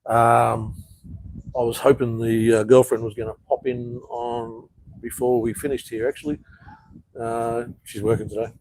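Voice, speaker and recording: A man's voice: medium pitch, little pitch movement, measured pace, a little mellow, rough recording. An Australian man hosting a casual live chat, reading viewer comments and answering bluntly, swearing often and calling people "mate".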